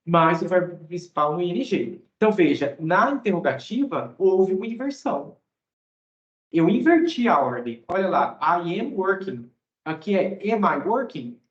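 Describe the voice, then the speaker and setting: A Brazilian man teaching English grammar in a fairly high voice, with Portuguese as his first language. He explains step by step and keeps checking in with his listeners. The sound is roomy and a little dull, as from a lo-fi recording. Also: big pitch swings, unhurried.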